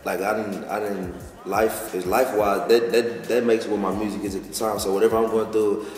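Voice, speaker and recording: A young man in his twenties from Texas, a musician answering interview questions in a halting, slangy way with many restarts. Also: on the low side, fairly even intonation. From Texas, USA. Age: 20s. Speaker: guest musician. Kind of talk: casual interview talk. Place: lounge with large windows, indoors. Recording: echoey room, far from the mic, music behind.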